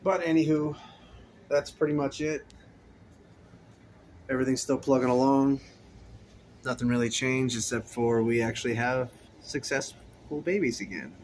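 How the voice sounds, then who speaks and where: A man's voice: mid-range voice, moderate pace, pauses often, darkish tone, a little hiss or hum. A man casually walking through his fish room, filming on a handheld phone and chatting in an easygoing, rambling way. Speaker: aquarium hobbyist vlogger. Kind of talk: casual tank walkthrough. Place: indoor fish room with rows of tanks. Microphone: handheld phone camera.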